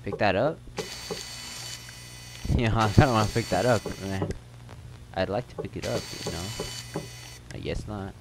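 A man's voice: fairly low pitch, unhurried, long pauses. A man playing a horror game, reacting in jumpy, exclamatory bursts with laughing asides. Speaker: gamer. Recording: loud game noise behind.

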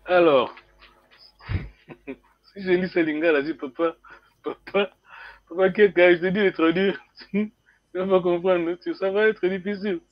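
High-voiced hesitant male teacher. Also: fairly even intonation, a little slow, pauses often, muffled recording. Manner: hesitant, repeats words, chuckles often. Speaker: language teacher. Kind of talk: classroom explanation.

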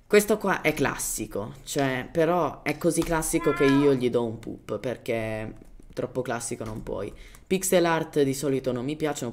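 With a mid-range voice and a little hiss or hum in the recording, a German man hosts a casual gaming tutorial. German is his first language. He talks informally, searching for words in Italian and adding English terms.

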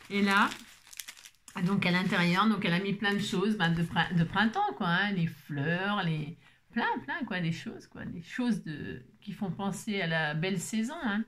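A woman's voice: medium pitch, slight background noise. A woman vlogging casually while opening craft mail at her table at home, chatty and playful, gushing over every item.

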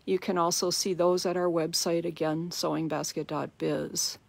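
A woman's voice: lowish voice, level tone, gravelly. A woman giving a chatty walking tour of a large quilt shop, recorded on a handheld phone. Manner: slow, chatty, promotional.

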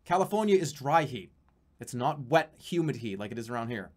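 Briskly and at a medium pitch, a man in his thirties talks on a live stream from a small home room. He reads out donations and rambles casually with swearing, sometimes bursting into excited yelling.

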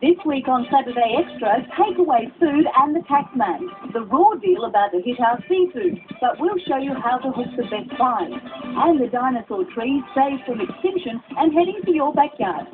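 A woman's voice: high-pitched, expressive, moderate pace. A woman reads a scripted television promo as an announcer. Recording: tinny TV audio re-recorded off screen, music. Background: promo music.

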